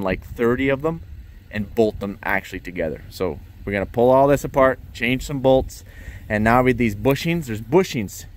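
A man vlogging around his farm, chatting casually as he explains his equipment and chores. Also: mid-range voice. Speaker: farmer vlogger. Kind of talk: casual walk-through vlog. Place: outdoors on a farm yard beside machinery.

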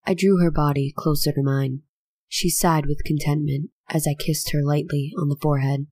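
A woman narrating an explicit romance audiobook in a measured, intimate reading. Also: low voice, fairly even intonation, warm tone, slightly rough, no echo.

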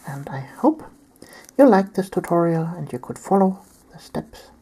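Woman w a cold doing a painting tutorial, low breathy voice, nearly whispering. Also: sing-song, measured pace. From Germany. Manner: soft-spoken, often near a whisper. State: has a cold, clearing throat often. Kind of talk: step-by-step tutorial narration.

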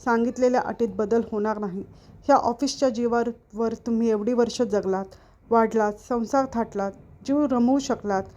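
A woman voicing a stern male office boss who gives sharp orders in a read-aloud story. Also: on the high side, steady tone, normal speed, lightly acted. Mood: angry.

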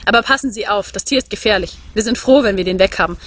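A woman voicing a huge farmer man who speaks quietly and calmly. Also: quick pace, breathy edge. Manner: quiet, calm, low. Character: huge calm farmer man, gruff, resigned.

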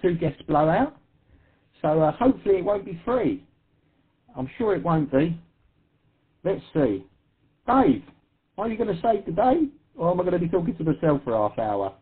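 A man's voice: fairly high pitch, very animated, moderate pace, pauses often, slightly rough. A man with an Essex accent hosting an amateur radio net, chatty and self-deprecating, laughing easily as he calls in guests. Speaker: net control host. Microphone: radio transceiver. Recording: tinny radio transmission.

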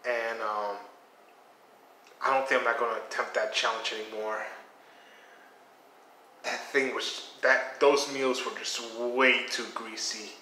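A man's voice: mid-range voice, little pitch movement, bright, forceful tone, reverberant, a little hiss or hum, poor audio. A middle-aged man vlogging to a close-held phone in a small tiled bathroom, rambling and groaning as he talks. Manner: groaning, rambling, slow talk. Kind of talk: casual vlog to camera. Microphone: phone camera held close.

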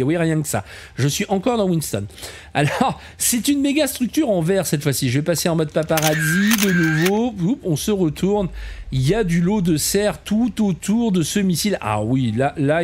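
A game camp tour host with a slightly high, slightly mellow voice chats casually as he goes, treating viewers as kids by calling them "les enfants." His commentary is sprinkled with self-mocking remarks.

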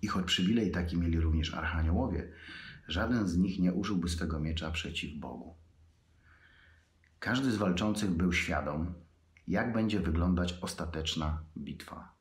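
In an echoey room, a man with a very deep voice reads aloud from his own fiction. He takes his time, pausing between phrases in a measured delivery.

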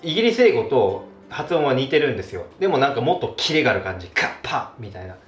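A man from Japan chats casually to camera as a vlogger, his voice lively and swinging in pitch as he acts out pronunciations with frequent chuckles. The room gives his voice a clear echo, with faint music playing underneath. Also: fast talker. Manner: animated, demonstrates pronunciations, chuckles often.

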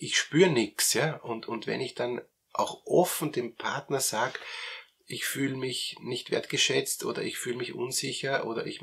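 A middle-aged man with an Austrian German accent, a coach explaining calmly with many fillers and repeated words. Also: mid-range voice, vocal fry, a little hiss or hum. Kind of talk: explanatory talk.

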